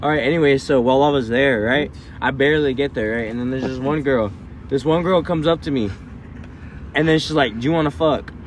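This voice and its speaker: A man's voice: mid-range voice, fairly quick, a little hiss or hum. A young man chatting as a podcast guest in his own car, swearing freely and defending himself while he tells stories. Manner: defensive, storytelling, profane. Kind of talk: casual chat.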